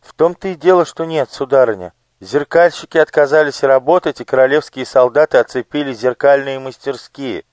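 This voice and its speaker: A man's voice: medium pitch, brisk, hardly any pauses, darkish tone, dry recording, voice pushed up, close to an everyday voice. A man voicing a timid, hungry little girl who pleads and chatters eagerly. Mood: explaining politely.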